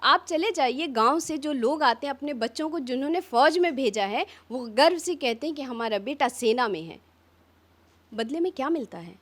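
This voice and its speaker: A woman's voice: sits high, lively intonation. A woman politician giving an impassioned interview, firing rhetorical questions one after another. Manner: fiery, rapid rhetorical questions. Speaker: opposition politician.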